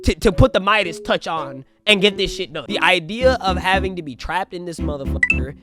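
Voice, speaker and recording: A young man spins a comedic, profane story for his channel, his voice sitting high and lively. Slang and swearing carry the telling. Music plays loud beneath him the whole way. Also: brisk. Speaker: storytime vlogger. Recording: music playing loudly under the voice. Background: background music.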